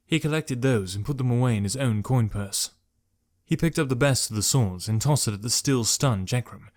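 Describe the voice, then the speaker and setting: Guy reading an audiobook chapter, steady mid-pitched voice. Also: moderate pace. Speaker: narrator. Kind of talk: scripted narration.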